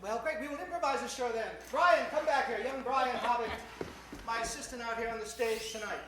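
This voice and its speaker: On stage before a live audience, a man with an extremely high voice announces a live improvised radio show, talking a little fast. He's courteous and mock-formal like an old-time showman, emceeing theatrically, captured by a distant mic in an echoey hall with background noise.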